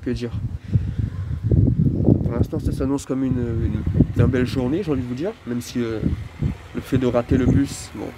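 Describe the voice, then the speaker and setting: Casual male vlogger, mid-pitched, masked, hesitant and drily grumbling, recorded at a noisy roadside with loud vehicles. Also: fairly even intonation. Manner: halting, hesitant, wry grumbling with mild swearing. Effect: speaking through a face mask. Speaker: video creator talking to followers. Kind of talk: casual rambling solo vlog. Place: outdoors by a roadside bus stop. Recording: loud outdoor street and vehicle noise.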